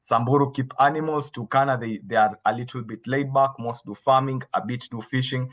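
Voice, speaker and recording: A man's voice: mid-range voice, fairly even intonation, a little fast, fairly bright tone. Man from Kenya giving a patient expert talk. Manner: patient, explanatory, repeats and restarts phrases. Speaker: guest expert. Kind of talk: explaining to a workshop audience.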